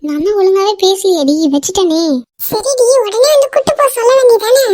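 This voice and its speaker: A woman voicing a very high, pleading young woman. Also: fairly quick, darkish tone, dry recording, clean studio sound. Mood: anxious. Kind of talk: amateur cartoon voice acting.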